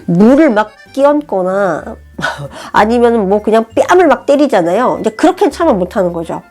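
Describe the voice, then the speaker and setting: A woman teaching Chinese, explaining a novel passage in a friendly, animated way. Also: on the high side, moderate pace. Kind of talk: language lesson, reading a novel aloud and explaining. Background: soft background music.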